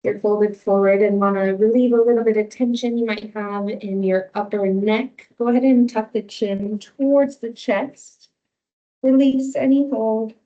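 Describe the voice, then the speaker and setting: A woman yoga instructor leading a restorative class in a soothing, gently encouraging manner. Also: medium pitch, steady tone, unhurried, lo-fi sound.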